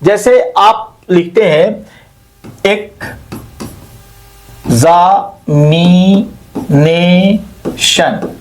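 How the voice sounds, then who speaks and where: Male lecturer, high voice, deliberate pace, pauses and corrects himself while explaining. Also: slight background noise. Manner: slow, explanatory, repeats terms and translates each into Hindi; frequent hesitation fillers and self-corrections. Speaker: English literature teacher. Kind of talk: classroom lecture mixing Hindi and English.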